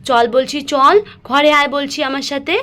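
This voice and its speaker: High-voiced woman scolding as a big sister. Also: little pitch movement, moderate pace. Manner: scolding, bossy, then soft and soothing. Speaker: doll story narrator and voice of the big sister. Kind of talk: scripted doll story acting.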